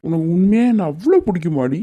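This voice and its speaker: A woman's voice: on the low side, very animated, fast talker, narrow, tinny audio. A woman voicing a teasing, lovestruck young man in a cartoon, coaxing and playfully bossy. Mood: soothing. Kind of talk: cartoon voice acting.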